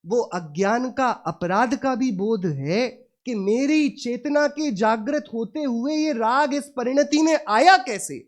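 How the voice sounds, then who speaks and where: A man with a very high-pitched voice preaches an afternoon Jain sermon in an unhurried, deliberate rhythm. He repeatedly poses questions to his audience, calling them brother, and his delivery is emphatic and rhetorical.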